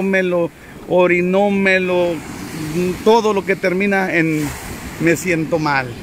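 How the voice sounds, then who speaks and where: A man live-streaming outdoors from a high spot by the sea, chatting and joking with his viewers and greeting them by name. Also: a bit bright, a little hiss or hum. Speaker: vlogger. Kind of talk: casual live stream from the seafront.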